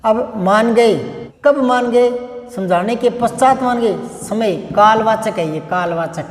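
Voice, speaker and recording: A man's voice: high voice, measured pace. A male teacher giving a grammar lesson, working through each example by asking questions and answering them himself. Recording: echoey room with long reverb.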